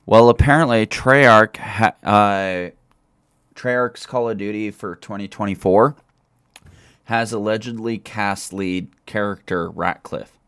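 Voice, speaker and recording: A man's voice: fairly low pitch, slow pace, a bit bright, clear, resonant tone, dry recording. A man hosting a casual gaming podcast over an online call, rambling with lots of fillers. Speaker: podcast host.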